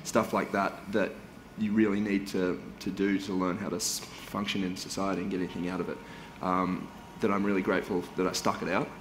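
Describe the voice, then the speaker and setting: A man's voice: sits low, flat delivery, a little fast, few pauses. A young man, a panel guest on a conference stage, talking earnestly and reflectively with frequent restarts. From Australia. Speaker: panel guest, band singer. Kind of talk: conversational panel talk. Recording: roomy hall with faint noise.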